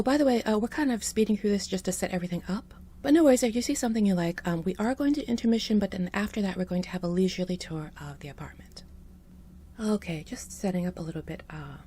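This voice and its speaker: Woman, low mellow voice, brisk casual game narrator, faint noise behind. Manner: quick chatty narration with fillers, trailing into breathy asides.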